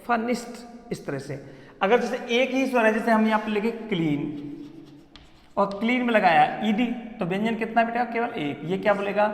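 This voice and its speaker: A man teaching English grammar to his students with a Hindi accent, calling them "beta" and repeating questions back to the class. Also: high-pitched. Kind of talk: classroom lesson at a board. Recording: echoey room with long reverb.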